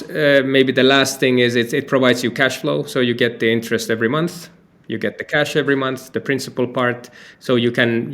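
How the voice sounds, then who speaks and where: A man's voice: mid-range voice, a bit bright. A man from Finland, a company founder giving loose, talkative answers in an interview, with many fillers and restarts. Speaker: company founder and CEO, guest.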